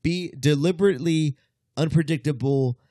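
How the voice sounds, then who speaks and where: A man's voice: fairly high pitch, normal speed, dark tone, no echo, clean studio sound. A man hosting a casual podcast chat, reading list items aloud and riffing on them with swearing. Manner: reads list items aloud, then riffs with profanity. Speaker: podcast host.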